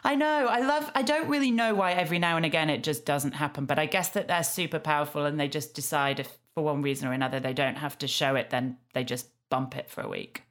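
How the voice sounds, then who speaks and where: A deep-voiced British woman from Yorkshire, around thirty to fifty, talks at a quick pace with few pauses and a fairly bright tone. She co-hosts a podcast, recapping TV in casual, self-deprecating chat with a British English accent.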